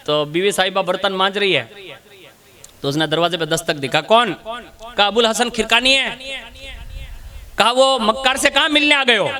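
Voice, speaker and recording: Male preacher, Gujarati accent, high-pitched, bright and forceful, lively storytelling sermon. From India. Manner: storytelling with acted dialogue, addresses audience by name. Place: religious gathering.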